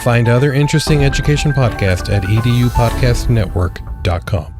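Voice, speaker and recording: A man reading a scripted network promo in an even delivery. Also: medium pitch, fairly quick, over music. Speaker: podcast network announcer.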